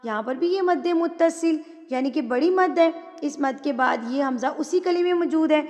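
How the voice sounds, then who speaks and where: High-voiced woman teaching recitation. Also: a little mellow, big-room sound. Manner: slow drawn-out recitation of Arabic words; patient step-by-step explaining. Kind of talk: online tajweed lesson.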